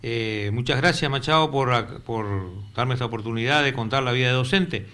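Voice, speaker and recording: A retired teacher from northeastern Argentina, older and speaking with a Corrientes accent, recalls his career as a guest in a casual interview at a local cable TV studio. He rambles, repeating words as he hunts for them, in a mid-range voice that is bright and forceful at normal speed.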